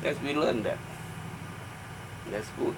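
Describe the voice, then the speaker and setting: A middle-aged man from Thailand with a Thai accent answers interview questions in halting, simple English with short broken phrases, as a native Thai speaker. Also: music in the background. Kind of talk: informal oral history interview. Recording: noisy room with steady background hum.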